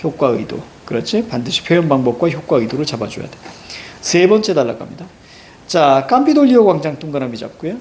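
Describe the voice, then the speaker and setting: A man's voice: fairly high pitch, very animated, a little fast, darkish tone, slight background noise. A man teaching a Korean reading class, walking students through a text and checking their understanding with short prompts. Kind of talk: classroom lecture.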